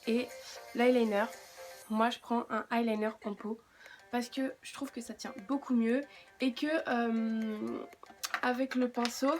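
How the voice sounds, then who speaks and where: A woman with a French accent chatting casually through a makeup tutorial, with self-mocking asides. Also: fairly high pitch. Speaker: beauty vlogger.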